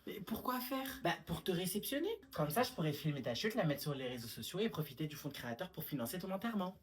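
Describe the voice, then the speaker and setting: Brief: woman doing a sarcastic comedy-skit mum, dry and mocking, with a lively voice. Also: on the low side, fast, natural voice. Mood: deadpan. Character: deadpan sarcastic mother, middle-aged woman.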